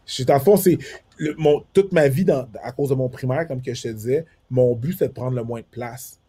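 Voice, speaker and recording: A man with a Quebec French accent that carries a touch of Haitian Creole, talking in a loose, animated way. His voice is somewhat husky and breathy at mid pitch. He keeps repeating words and restarting his sentences. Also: brisk. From Quebec, Montreal area. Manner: switches into English accents when telling stories. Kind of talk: casual conversation.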